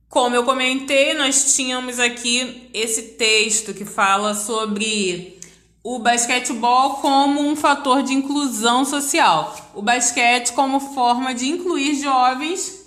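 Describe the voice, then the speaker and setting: A physical education teacher with a Brazilian accent gives a school lesson in a high-pitched, slightly bright voice. She explains things didactically and repeats key points for emphasis, and the recording sounds echoey and roomy.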